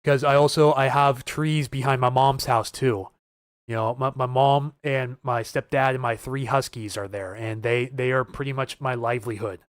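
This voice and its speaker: A man's voice: mid-range voice, fairly even intonation, normal speed, no room sound, studio quality. A man hosting a live weather stream, talking casually and urgently to viewers, nervous and earnest. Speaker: weather livestream host.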